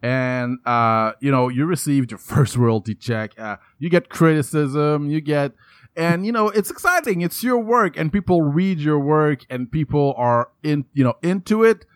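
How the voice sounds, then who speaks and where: A man from Canada, hosting a podcast interview in a playful, energetic way. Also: fairly high pitch, measured pace, dry recording, clean studio sound. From French Canada. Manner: playful, energetic, rhyming hype lines. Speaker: podcast host. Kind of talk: upbeat interview chat.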